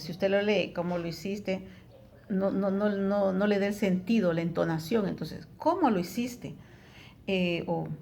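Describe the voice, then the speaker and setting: Woman teacher giving a tutoring lesson, mid-pitch, steady explanatory delivery, faint hiss behind. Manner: explanatory, frequent tag questions and fillers. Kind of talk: recorded Spanish tutoring lesson.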